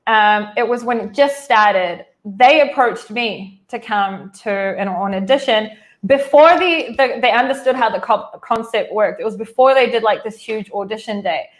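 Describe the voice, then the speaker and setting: In a fairly high voice at a moderate pace, a woman with a New Zealand accent, in her thirties, chats through her life story during a video-call interview. She laughs a lot, leans on "like" as a filler and keeps restarting her thoughts.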